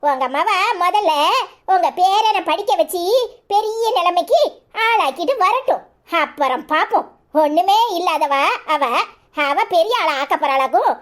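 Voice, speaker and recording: A woman voicing a defiant, sharp-tongued young wife in a cartoon, with a Tirunelveli Tamil accent and quick mocking retorts. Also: very high voice, lively intonation.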